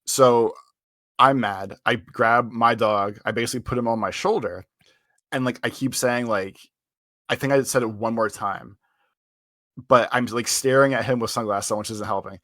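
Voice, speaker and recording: A man's voice: mid-range voice, moderate pace, a bit bright, no echo, clean studio sound. A man co-hosting a podcast, telling a long story in casual chat, full of "like" fillers and rambling. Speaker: podcast co-host.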